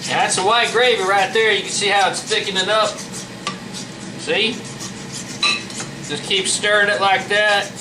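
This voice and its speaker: A man's voice: sits high, steady tone, measured pace, pauses often. Folksy man over noisy fan hum. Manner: folksy, plain-spoken. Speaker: home cook presenting a recipe. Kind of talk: casual cooking demonstration. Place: indoor kitchen with a running fan. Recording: roomy, noisy fan hum, distant mic. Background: fan noise.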